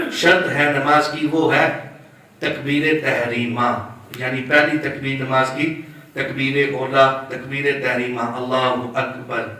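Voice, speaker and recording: A man teaching as an Islamic scholar goes through the rules of prayer step by step, explaining slowly, drawing out words to demonstrate them, and asking listeners questions. His voice is a little high, pushed and bright. The audio is poor, with heavy reverb and a distant recording.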